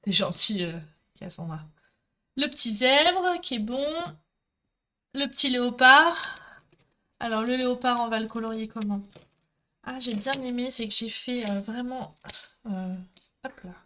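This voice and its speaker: Showing a craft project live, a talkative middle-aged woman with a Marseille accent addresses viewers directly. Her voice runs on the high side at normal speed, with a sharp tone.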